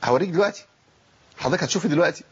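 A man's voice: fairly high pitch, breathy edge, dull audio. A man with an Egyptian accent teaching tajweed, asking himself questions and demonstrating letter sounds. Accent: Egyptian Arabic. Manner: fast, animated teaching with self-asked questions and demonstrations. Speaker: Quran recitation teacher. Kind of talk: tajweed lesson.

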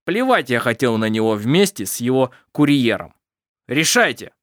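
A man doing a loud, menacing pirate captain. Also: medium pitch, very animated, normal speed, no echo, clean studio sound. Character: ruthless, domineering male pirate captain.

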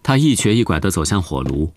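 Low-voiced male audiobook narrator. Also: big pitch swings, brisk, darkish tone, slight background noise.

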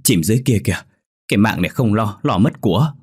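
A man's voice: lowish voice, animated, fast, darkish tone, breathy edge. A man voicing a terrified fisherman who whimpers and panics after a ghost attack, in a spoken horror story. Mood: whimpering.

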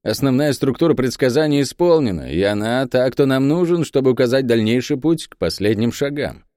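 A man reading an audiobook voices a calm, devout warrior who speaks gravely about prophecy. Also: medium pitch, a little fast, dry recording, studio quality, pitched above the performer's own voice, natural voice. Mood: solemn. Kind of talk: audiobook character voice.

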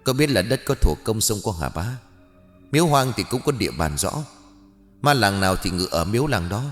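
A man's voice: lowish voice, big pitch swings, normal speed, big-room sound, soft background music. A man voicing a bossy old female ghost elder in an audiobook, questioning brusquely. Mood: stern.

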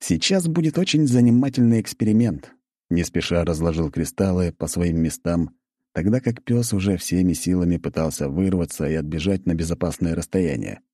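A man narrating a first-person audiobook in an even, measured way. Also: sits low, dry recording, studio quality.

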